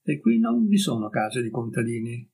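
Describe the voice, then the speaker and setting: A man reading the lines of a gentle, mysterious young noblewoman in an audiobook story, in a soft, dreamy and dignified way. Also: medium pitch, big pitch swings, moderate pace, creaky, slightly rough, full character voice, rough recording.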